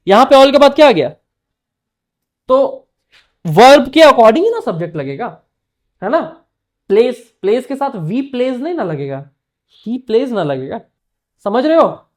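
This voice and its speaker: A man teaching an English grammar lesson to a class in Hindi, often quizzing students by name and checking they understand. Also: very high voice.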